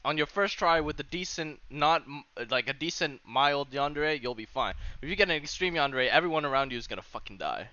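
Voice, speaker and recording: A young man co-hosting a casual podcast over a voice call on a wireless headset, loud and jokey. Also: a little high, animated, a little fast, few pauses, no echo. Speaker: podcast co-host. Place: at home on a voice call. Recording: muffled voice-call audio, faint noise.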